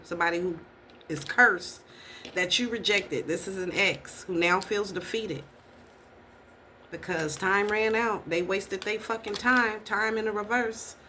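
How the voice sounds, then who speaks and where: A woman's voice: mid-range voice, bright, forceful tone. Woman, tarot reader, blunt, swearing, repeated questions, noisy recording. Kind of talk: casual tarot reading.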